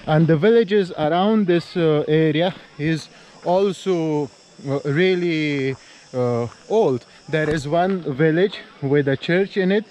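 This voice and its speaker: A man's voice: a little high, slow, darkish tone. A man, chatting casually as a travel vlogger on a forest trail and later while driving, with lots of fillers and restarts, filmed on an action camera held at arm's length. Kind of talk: casual travel vlog narration. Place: outdoors on a forest trail, then driving a car. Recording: noisy outdoor and car ambience.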